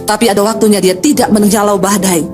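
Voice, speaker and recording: A middle-aged woman pastor, preaching a lively sermon with sudden swings between low earnest tones and high emphatic ones and chatty colloquial asides. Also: quick pace, over music.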